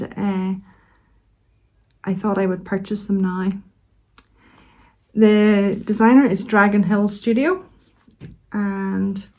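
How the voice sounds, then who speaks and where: A middle-aged woman with a Northern Irish accent chats casually as a vlog host, gently and unhurriedly, with hesitant pauses. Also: medium pitch. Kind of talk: casual chat to camera.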